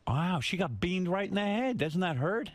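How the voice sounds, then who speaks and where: A man's voice: high-pitched, very animated, moderate pace, dry recording. A man hosting a radio show, needling and mocking his co-worker in casual studio banter. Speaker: radio host.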